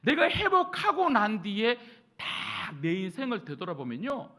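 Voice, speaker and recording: A man's voice: high-pitched, wildly swooping pitch, normal speed, pushed and bright. A middle-aged man preaching a sermon as pastor of a church, asking the congregation questions, answering them himself and acting out what the Bible characters say. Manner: acts out Bible characters' words.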